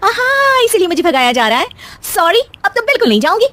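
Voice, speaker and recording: A woman voicing a feisty, quick-tempered young daughter-in-law in a cartoon, with shrill, indignant high-pitched retorts. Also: big pitch swings, pushed and bright, exaggerated voice. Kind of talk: cartoon voice acting.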